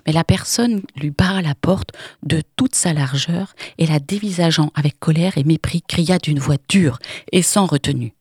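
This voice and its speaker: A woman narrating a literary novel in a measured, dramatic way, often dropping to a whisper. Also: low-pitched, darkish tone, husky, no room sound, clean studio sound.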